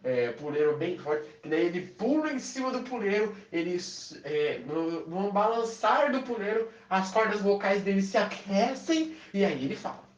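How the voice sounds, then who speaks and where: A man playing a calm, smooth-talking pet shop salesman who keeps upselling, recorded in an echoey room from a distance. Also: high-pitched, moderate pace, few pauses, voice pushed up. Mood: persuasive. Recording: echoey, distant, dull sound.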